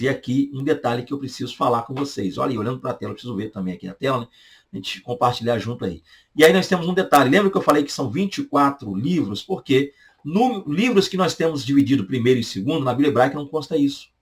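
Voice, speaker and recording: Man drilling Hebrew book names slowly. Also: on the high side. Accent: Brazilian Portuguese. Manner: drills terms slowly, repeating each word. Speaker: Bible teacher. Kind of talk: online Bible lesson.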